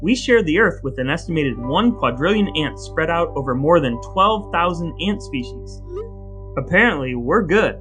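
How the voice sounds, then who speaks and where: A podcast co-host speaks in a fairly high, animated voice at a moderate pace, his tone a bit bright. He mixes a scripted, playfully mock-solemn dramatic reading with banter while soft music plays in the background.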